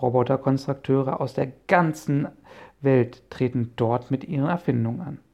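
A friendly, patient inventor professor explains his machines in a dark, gravelly voice, as a man reads him in an audiobook. He speaks calmly and obligingly, like someone happy to show off his work. The tone stays even and mellow throughout. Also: mid-range voice, normal speed, lightly acted. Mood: explaining. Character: friendly middle-aged male inventor professor. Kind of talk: audiobook character voice.

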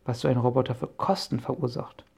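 A man reading a friendly inventor professor in an audiobook, calm and explaining, with a gravelly voice. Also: medium pitch, fairly quick. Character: friendly middle-aged male inventor professor. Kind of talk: audiobook character voice.

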